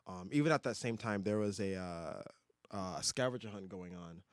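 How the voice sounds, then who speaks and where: A man's voice: low voice, moderate pace, clean tone, no echo, studio quality. A young man with a slight lisp, co-hosting a casual podcast and telling rambling stories full of fillers. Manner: rambling, filler-heavy storytelling. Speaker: podcast co-host. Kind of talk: casual chat. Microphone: studio podcast microphone.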